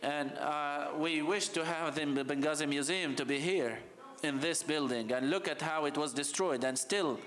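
A man from Libya gives a conference talk with slides, speaking passionately and urgently, halting often with fillers. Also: on the high side, a bit bright. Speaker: heritage official presenting.

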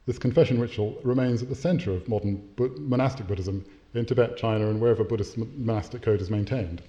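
Measured male lecturer, dull lo-fi recording. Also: on the low side, dark tone. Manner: measured, with occasional hesitations and self-corrections. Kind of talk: academic lecture with read-aloud story.

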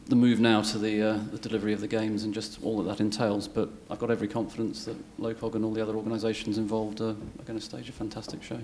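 A man's voice: fairly low pitch, level tone, fast, hardly any pauses, a little mellow, a little hiss or hum. A man giving spontaneous panel remarks, earnest and searching for his words. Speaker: panel speaker.

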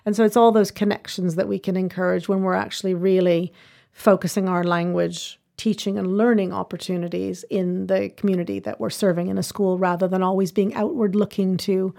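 A woman interviewed as a language education expert explains her points in order, earnestly, in measured conversation. She speaks fairly quickly at medium pitch in a level tone, with a warm sound and vocal fry.

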